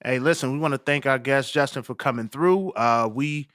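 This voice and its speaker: Podcast host, man: teasing, slangy, bright voice, dry close mic. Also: mid-range voice, moderate pace, no echo. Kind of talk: casual podcast chat.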